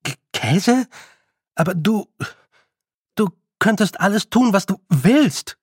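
A man's voice: on the high side, animated, slow pace, husky, no echo, studio quality, pitched above the performer's own voice, full character voice. A man voicing a nervous young nobleman's son in an audiobook, stammering in a flustered, slightly raised voice. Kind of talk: audiobook character voice.

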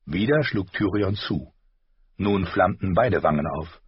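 Guy narrating a fantasy audiobook real slow, husky, dry muffled audio. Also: deep voice, no echo. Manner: unhurried, expressive. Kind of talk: scripted storybook narration.

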